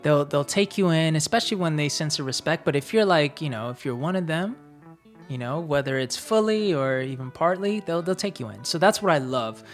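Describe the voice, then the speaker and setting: An American woman with a very deep, low-pitched voice co-hosts a casual chat, thoughtful and reflective, circling through ideas in long searching sentences packed with fillers like "you know" and "like." She is expressive and brisk, with soft music playing faintly underneath.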